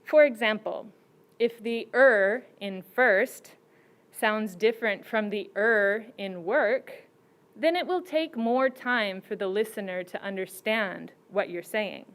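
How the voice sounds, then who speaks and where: A woman judge giving prepared, teacherly advice to students in a slow and deliberate way. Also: medium pitch.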